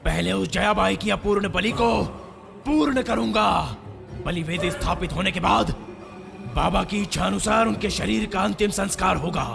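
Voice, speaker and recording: An actor voicing a vengeful male tantric sorcerer in a dubbed film, speaking in slow, ominous declarations. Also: high-pitched. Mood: vow-bound, grim. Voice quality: gravelly. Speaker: villain. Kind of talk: Hindi film dub acting. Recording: film dub with loud score. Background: dramatic film music.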